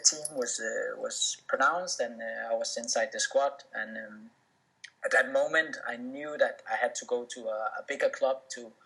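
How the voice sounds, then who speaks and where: Speaking as an interview guest, a young professional footballer from Denmark answers questions casually, restarting often and using many fillers in his native Danish. His mid-range voice has a fairly bright tone, and the audio is poor.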